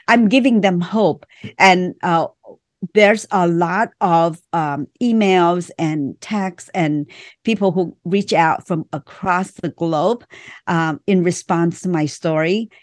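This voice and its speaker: A woman's voice: fairly low pitch, slow pace, dry recording. A middle-aged woman from Vietnam with a Vietnamese accent, speaking earnestly in short phrases as an author being interviewed on a podcast. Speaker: author and guest.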